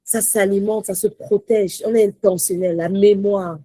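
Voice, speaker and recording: A woman teaching a sermon with great animation, slipping English phrases into her French and swinging from shouts to soft whispers. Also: medium pitch, steady tone, moderate pace, dry recording, rough recording. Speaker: prayer teacher.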